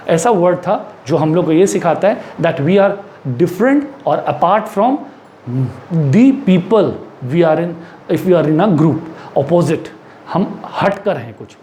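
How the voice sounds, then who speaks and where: A man's voice: high voice, warm tone, a little hiss or hum. A man with an Indian accent teaching English words in a mix of Hindi and English, repeating words and asking the viewer questions. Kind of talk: spoken vocabulary lesson in Hindi and English.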